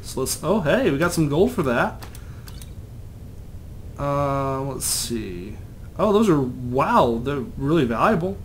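A man's voice: mid-range voice, very animated, takes it slowly, long pauses. A young man casually commenting as he plays a video game, chatty and rambling, with faint noise behind him. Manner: chatty, rambling, self-deprecating. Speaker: let's play gamer.

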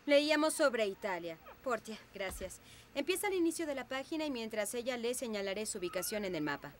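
A woman's voice: fairly high pitch, expressive, fairly quick, slight background noise, close to an everyday voice. A woman playing a kind, orderly young schoolteacher in a film dub. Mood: instructive. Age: young adult. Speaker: teacher. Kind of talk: Spanish film dub dialogue.

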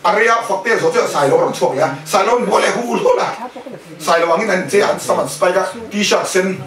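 一位在家庭团契上讲道的男人，不断向听众发问，并夹杂英语词汇。. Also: male voice, high-pitched, brisk, a crowd in the background. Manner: keeps questioning the listeners; mixes in English words. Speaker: preacher. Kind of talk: sermon at a house fellowship. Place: indoors at a home fellowship. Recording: echoey room, voice from a distance.

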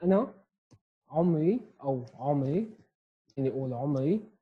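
Speaking at a normal pace, this man leads an online sign language lesson from home, walking through each step and checking in with "okay?". He's in his twenties with a Syrian Arabic accent, and his husky, expressive, high-leaning voice sounds lo-fi through a headset mic on a video call.

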